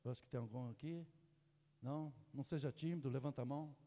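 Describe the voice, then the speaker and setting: A man preaching a sermon in a church, shifting from soft asides to loud, impassioned exhortation. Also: medium pitch, fast. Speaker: pastor. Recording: echoey church hall.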